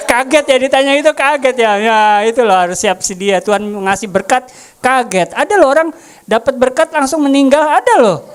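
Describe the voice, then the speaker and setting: High-pitched woman, casual joking sermon, quizzes the congregation. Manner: jokey, asks the congregation questions. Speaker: preacher.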